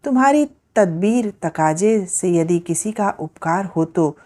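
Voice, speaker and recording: A woman voicing a gentle wife who speaks in a soft, tender voice in a read-aloud story. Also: lowish voice, animated, slow.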